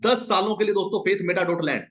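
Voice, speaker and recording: A man giving a hyped, salesy screen-share pitch for an online business, constantly calling out to his viewers as friends. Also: fast talker, a bit bright.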